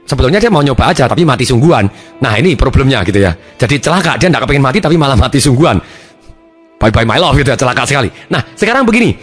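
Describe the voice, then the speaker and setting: A man giving a recorded self-development lesson, animated and acting out his examples. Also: medium pitch, racing, faint music behind. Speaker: motivational trainer.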